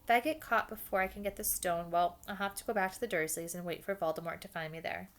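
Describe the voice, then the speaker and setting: A woman's voice: lowish voice, steady tone, fast, lightly acted. A woman reading a storybook aloud and voicing a determined schoolboy wizard who speaks urgently and insistently.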